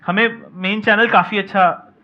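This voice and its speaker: A man speaking in a measured, explanatory way as a business co-founder on a discussion panel, mixing English words into Hindi. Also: high voice, fairly even intonation, highs cut off. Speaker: co-founder of an online coaching channel. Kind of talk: conversational panel talk.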